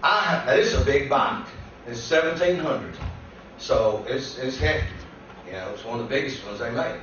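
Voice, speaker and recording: A man preaching as a guest pastor. He tells a personal testimony that builds into shouted preaching. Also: medium pitch, lively intonation, normal speed, slight background noise. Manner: storytelling that climbs into shouted preaching. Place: church sanctuary. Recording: echoey church room, distant dull mic.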